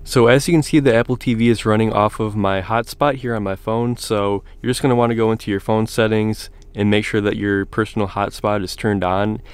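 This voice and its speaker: Guy sounding sick, lowish smooth voice, laid back with lots of ums, talking in his car. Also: brisk, few pauses, no echo. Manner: relaxed, many ums and uhs. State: sick, hoarse voice. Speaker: car channel host. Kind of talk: casual product walkthrough. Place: inside a car.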